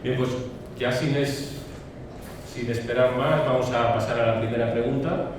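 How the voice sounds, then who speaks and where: A man's voice: medium pitch, fairly even intonation, moderate pace. Spanish man moderating in an echoey hall. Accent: Spain. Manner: hesitant, searching for words. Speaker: panel moderator. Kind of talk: introducing panelists and asking questions. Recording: very echoey hall, distant, noisy.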